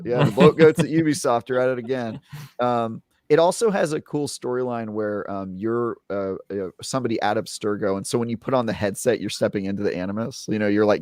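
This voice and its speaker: A man's voice: lowish voice, dry recording, clean studio sound. A young adult man on a casual gaming podcast, telling a long story with lots of fillers and restarts. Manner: rambling, filler-heavy, animated retelling. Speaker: podcast co-host, game reviewer.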